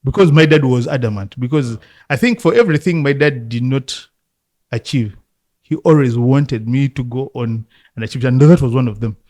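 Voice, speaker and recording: A man from Uganda in his fifties, a football coach, telling his life story in a relaxed interview, reflective and often laughing. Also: mid-range voice, moderate pace. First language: Luganda.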